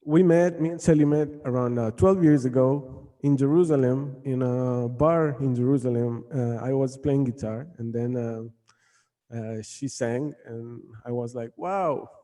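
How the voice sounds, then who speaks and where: A man from Mexico, a guitarist, answering interview questions casually in a halting way with many fillers. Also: mid-range voice, fairly even intonation, warm tone. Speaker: guitarist and band member. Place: room in Jerusalem.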